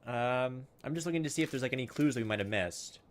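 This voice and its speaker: Hosting a gaming video, a man with a mid-range voice reads the story text on screen in a dramatic way and interrupts himself with playful remarks. He speaks at a quick pace over slight background noise in this let's play commentary.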